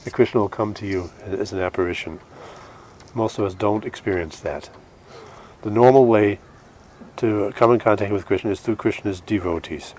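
A man giving an informal devotional lecture as a religious teacher, short of breath and halting, with restarts. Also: lowish voice, darkish tone, a little hiss or hum.

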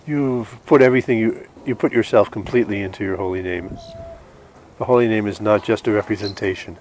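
A man with a fairly low voice gives an informal devotional class. He is short of breath and speaks haltingly, restarting his phrases. There is faint noise around him in the live recording. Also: darkish tone. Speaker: religious teacher giving a class. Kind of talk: informal devotional lecture with questions.

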